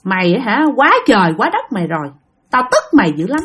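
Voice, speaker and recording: A woman's voice: medium pitch, sing-song, a little fast, a bit bright, breathy edge. A woman voicing the vengeful ghost of a man speaking through a grandmother, threatening and scolding. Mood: furious.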